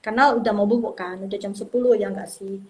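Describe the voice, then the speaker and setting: A woman's voice: mid-range voice, steady tone, quick pace, poor audio. A woman, teaching Mandarin in a casual livestream and drilling pronunciation. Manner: chatty, repeats and drills pronunciation.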